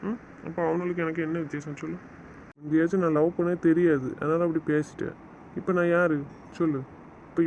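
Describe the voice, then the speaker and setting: An audio drama features a man as a stern, loving young husband who lectures and scolds before coaxing. His voice is on the high side with a darkish tone, close to everyday speech, and the recording is dull lo-fi with faint noise.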